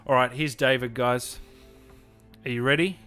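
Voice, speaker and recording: A man in his late twenties hosts a gaming livestream show, chatting informally and blokily with viewers and guests, whom he calls "guys," in a casual chat-and-interview format. His mid-range voice is bright and forceful with fairly even intonation at a moderate pace, and soft music plays in the background.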